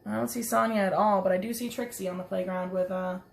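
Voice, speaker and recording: A preschool teacher talks fast at medium pitch, her tone steady and creaky, while reading a picture book to children. She's expressive and adds chatty remarks and simple explanations. The sound is roomy and echoing, with slight background noise.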